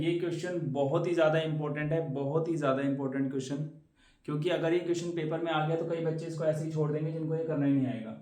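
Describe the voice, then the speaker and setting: A man's voice: on the high side, a little mellow. A man teaching a casual science lesson for exam prep, chatty and repeating questions back to the students. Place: room, standing at a board. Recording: very echoey room.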